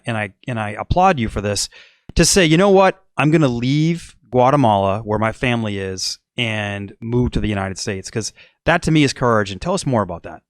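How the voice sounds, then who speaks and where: A man's voice: mid-range voice, no echo, clean studio sound. A man co-hosting a podcast, asking long, earnest questions in a casual way. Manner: earnest, builds questions at length. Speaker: podcast co-host.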